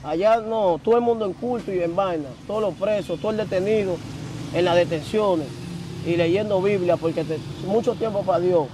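Guy, slangy and animated, kinda high voice, street noise behind. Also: normal speed. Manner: animated, slangy, repeats filler words. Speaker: interview guest. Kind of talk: casual storytelling.

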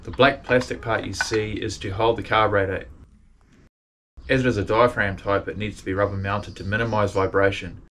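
A man's voice: fairly low pitch, steady tone, moderate pace, a bit bright, a little hiss or hum. Laid-back man narrating a workshop build. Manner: laid-back, dry humour. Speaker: welder and fabricator vlogger. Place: metal workshop, indoors.

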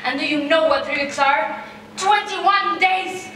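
Lady acting a scolding drama-queen mom in a comedy play, sharp high voice, super echoey stage. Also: flat delivery, a little fast. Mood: bossy. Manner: bossy, theatrical, emphatic repetition. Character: overbearing, scolding, dramatic mother of grown children. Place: theater stage, indoors. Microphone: far camera. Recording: very echoey theater stage, distant mic, faint noise.

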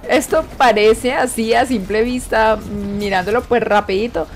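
A woman's voice: a little high, measured pace, faint music behind. A woman hosting a reaction video, gasping and exclaiming as she watches an episode.

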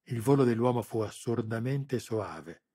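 A man narrating an audiobook in a steady, measured reading. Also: medium pitch, breathy edge. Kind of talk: scripted narration.

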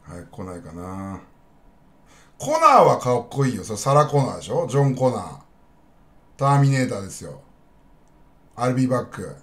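A man streams live in a loose, rambling chat, speaking bluntly and turning often to address his viewers. His pitch swings widely, rising and dropping from line to line. His voice sits at an ordinary middle pitch for a man. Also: big pitch swings, moderate pace, pauses often, fairly bright tone.

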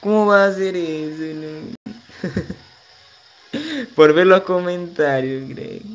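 A young man with a high voice drags out his words and leaves long pauses while streaming a game. He chats casually and in slang with viewers, reads their messages aloud and laughs a lot, over faint background music.

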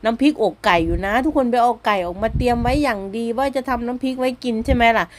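A woman's voice: on the high side, fast talker. Chatty woman with an Isan accent. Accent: Isan Thai. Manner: chatty, keeps addressing viewers directly; laughs easily between remarks. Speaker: vlogger and stay-at-home mother. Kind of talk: casual voice-over narration.

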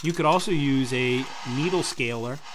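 A man giving a steady, instructive voice-over that explains his welding method step by step. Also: mid-range voice, normal speed, noisy background. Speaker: welding channel host.

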